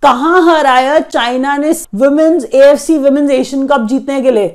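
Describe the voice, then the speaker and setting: A woman's voice: sits high, slow, darkish tone. A woman teaching an exam-prep current affairs lesson, explaining and repeating key facts so students memorize them.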